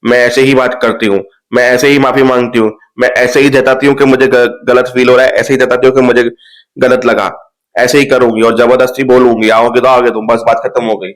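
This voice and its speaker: A man's voice: medium pitch, flat delivery, fairly quick, close to an everyday voice, low-quality recording. Brash, stubborn young woman with blunt, clipped delivery, voiced by a man in a retelling. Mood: defiant.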